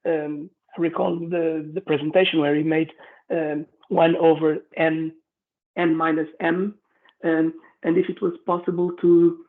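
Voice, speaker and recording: A man on a tinny phone line, asking a careful, halting question in an online Q&A. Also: on the high side, level tone. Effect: heard over a phone line. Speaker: audience member asking a question.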